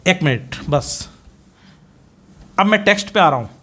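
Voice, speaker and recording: A little slow, this Indian teacher with a Hindi-speaking accent and a voice pitched high for a man lectures on a poem for a competitive exam in mixed Hindi and English. He steadily drills the class by counting lines and repeating probable questions.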